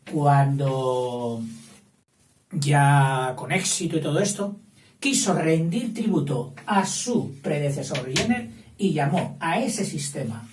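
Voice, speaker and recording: A man's voice: on the high side, darkish tone. A man teaching a school lesson, drifting into digressions, correcting himself, and often checking in with a questioning "eh?". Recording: roomy, distant mic, faint background noise.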